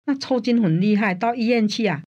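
An older woman from Taiwan, a guest in an interview telling her faith story in an animated way, often using the filler sounds "hā" and "āi". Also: a little fast, dull audio. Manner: animated storyteller, frequent "hā" and "āi" fillers, rising pitch in tense moments. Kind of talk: personal faith testimony in an interview.

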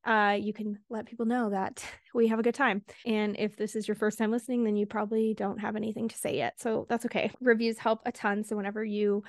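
A woman hosting a casual solo podcast, chatty and quick, a little out of breath, laughing between words. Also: medium pitch, level tone, no echo, clean studio sound. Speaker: podcast host.

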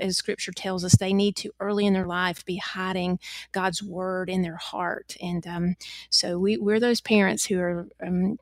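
A middle-aged woman speaks in an earnest, emphatic way, her voice sitting at an ordinary middle pitch. The recording is dry and close, with no room sound around her. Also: no room sound. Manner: earnest, faith-centered, warmly emphatic. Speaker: guest. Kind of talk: casual chat.

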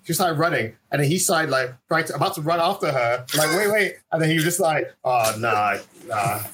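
A man's voice: fairly high pitch, fast talker. A young man, telling stories in a casual chat among friends and saying "like" constantly. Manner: animated storyteller, heavy use of "like". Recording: noisy recording with clicks.

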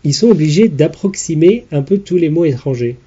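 Male podcast host, husky and deep-toned, teasing explainer, dull lo-fi sound. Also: lively intonation, brisk, warm tone. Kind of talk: casual chat.

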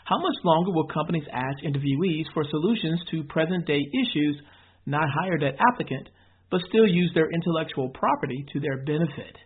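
A man's voice: fairly high pitch, a little fast, husky. A man hosting a podcast, reading a scripted introduction to an archived episode. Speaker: podcast host. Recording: tinny, band-limited sound.

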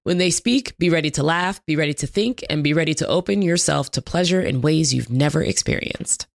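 An upbeat podcast co-host who chats casually and reads guest introductions with flair. The voice sits at a middling pitch. It is recorded remotely, close and dry, with no room sound. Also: brisk, creaky, no echo.

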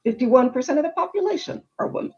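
High-pitched, expressive and fast, a middle-aged woman speaks as a panel guest on supplier diversity, earnestly laying out a problem and reciting facts and figures. The recording is muffled.

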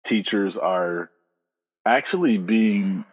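A man, a school counselor, explaining slowly and measuredly in casual chat with many pauses. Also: lowish voice, big-room sound, muffled recording. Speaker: school counselor, podcast guest.

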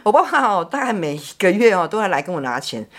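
Fast, lively Taiwanese Mandarin woman. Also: lowish voice. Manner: frank, blunt, swears and repeats words. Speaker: podcast guest. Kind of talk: personal storytelling chat.

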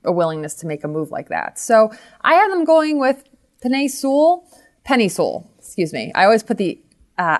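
A woman co-hosting a sports podcast, laying out her reasoning in a measured, step-by-step way. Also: on the low side. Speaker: podcast co-host. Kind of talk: casual sports podcast chat.

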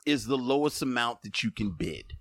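Male podcast co-host, lively pitch, dry close mic, casual explainer. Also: moderate pace, no echo. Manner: animated, laughing storyteller. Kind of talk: casual chat.

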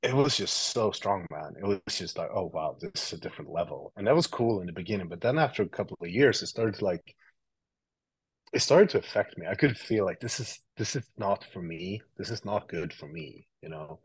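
Deep, husky man from Sweden. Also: a little fast, dry recording, low-quality recording. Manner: relaxed storytelling with many fillers and restarts. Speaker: guest, creative officer. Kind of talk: casual interview talk.

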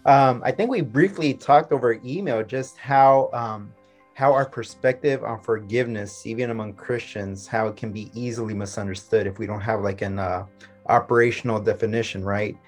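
A man's voice: on the low side, moderate pace, soft background music. A man hosting a faith podcast, talking casually with plenty of "um" and "like" as he interviews a guest. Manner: friendly and casual, frequent "um" and "like". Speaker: podcast host.

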